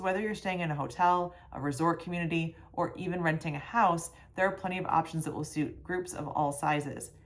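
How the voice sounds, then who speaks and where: A woman with a slightly low voice presents a travel recommendation. She speaks in an organized, promotional way, like a travel guide addressing viewers. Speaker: travel vlogger.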